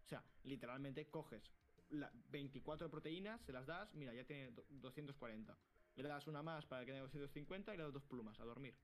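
Guy rattling off opinions on a podcast, talks really fast, chuckles a lot. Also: medium pitch. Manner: fast, animated, laughing storyteller. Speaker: podcast co-host. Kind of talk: casual chat.

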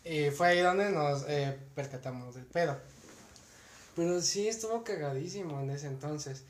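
A man's voice: a little high, moderate pace, slight background noise. Laughing young Mexican man, roomy sound. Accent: Mexican Spanish. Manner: rambling, laughing, slangy storytelling. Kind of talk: casual chat. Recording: roomy echo.

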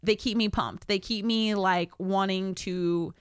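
Giggly woman podcast co-host, smooth dry voice. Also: medium pitch, fairly even intonation, a little slow, dry recording. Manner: giggly, rambling with many fillers. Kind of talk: casual chat.

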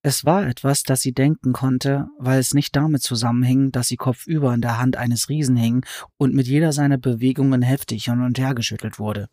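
A man narrating a fantasy audiobook in a measured, expressive reading. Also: mid-range voice, no echo, studio quality. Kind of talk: scripted narration.

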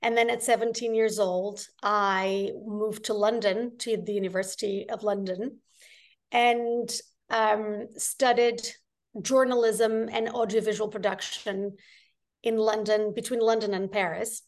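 A woman's voice: medium pitch, flat delivery, a little slow. A woman from Portugal, a guest telling her story earnestly and with many restarts. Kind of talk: casual interview chat.

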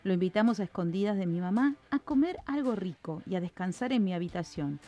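A woman reading a children's story in an expressive, lilting way, with faint music behind. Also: medium pitch, brisk.

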